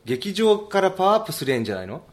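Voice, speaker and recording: A man's voice: high-pitched, sing-song, rapid-fire. A man co-hosting a podcast, chatting casually and riffing with goofy, playful wordplay. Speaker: podcast co-host. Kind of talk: casual banter.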